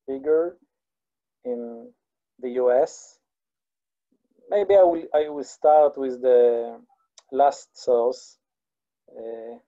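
A man with an Israeli accent, a native Hebrew speaker, giving an online lecture in a slow, halting way with many restarts and fillers. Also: medium pitch, muffled recording.

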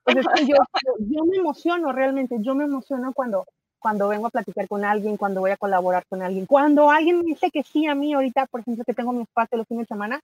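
A middle-aged Mexican woman talks with a high voice in an animated, chatty way. She often stops on fillers and restarts her sentences. The sound is dry and close, with no room echo. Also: fast talker, highs cut off. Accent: Mexican Spanish. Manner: animated, chatty, many fillers and self-corrections. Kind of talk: casual conversation.

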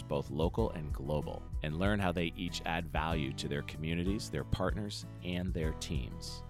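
Man, podcast host, very deep voice, measured delivery, faint background music. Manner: measured, scripted intro. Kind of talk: podcast interview hosting.

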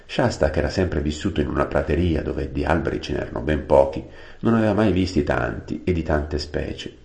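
A man narrating a storybook aloud, unhurried, adding plain-word glosses. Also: a bass voice, gravelly, darkish tone. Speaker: audiobook reader. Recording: roomy echo.

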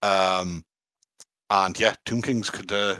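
A man chatting enthusiastically about tabletop games, full of fillers and quick to laugh. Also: low voice, fairly even intonation, bright, forceful tone, no echo, poor audio. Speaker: tabletop wargame player. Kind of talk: casual chat.

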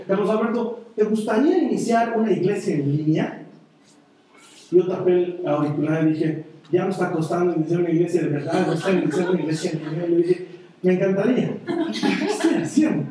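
Man preaching a sermon, high mellow voice, earnest storytelling, far off in an echoey hall. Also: slight background noise. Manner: earnest, personal storytelling with sudden soft drops. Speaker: pastor.

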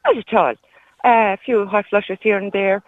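A woman's voice: medium pitch, fairly even intonation, normal speed, no room sound. A woman in her fifties with a Kerry Irish accent, giving blunt, emphatic, no-nonsense opinions as a caller to a radio phone-in. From Ireland. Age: 50s. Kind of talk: opinionated casual chat. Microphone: phone call. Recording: muffled narrow-band phone line.

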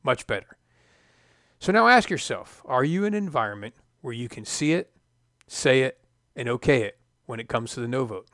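A middle-aged man, a former test pilot, hosting a scripted podcast monologue in a measured, emphatic way with dry asides. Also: medium pitch, expressive, a bit bright, no room sound.

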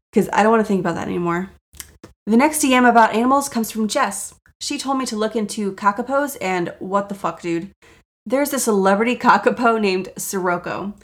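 A woman hosts a solo podcast that's casual and jokey, swearing freely and poking fun at herself. Her mid-range voice is raspy with audible vocal fry, and she has a sore throat.

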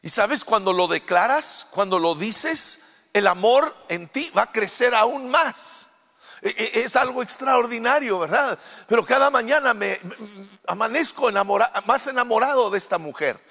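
A middle-aged man delivers a sermon from the pulpit in a high, reaching voice. He moves between quiet, chatty asides full of fillers and loud proclaiming. The church hall gives every word a long tail of reverb. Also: expressive, normal speed, vocal fry. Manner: fillers and repeated words. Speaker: pastor.

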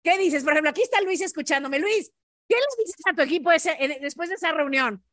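Lively Mexican woman podcast host. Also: high-pitched, no echo, studio quality. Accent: Mexican Spanish. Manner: animated, acts out scenarios in quick voice shifts; speaks directly to listener with frequent "¿ok?" tags. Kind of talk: motivational podcast monologue.

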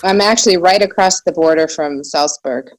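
Lower-voiced American woman, slight German accent. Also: moderate pace, rough recording. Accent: American with a slight German influence. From United States. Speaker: podcast guest, small shop owner. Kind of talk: casual interview chat.

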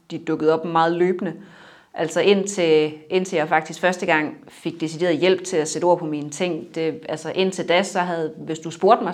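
Soft-spoken low-voiced woman, reflective. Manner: reflective, halting, trails off softly. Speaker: interviewee. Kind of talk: personal interview.

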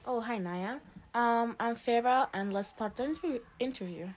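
Interviewed as a high school student, a Lebanese teenage girl responds in a casual, unsure way, with lots of fillers and restarted sentences, at a moderate pace.

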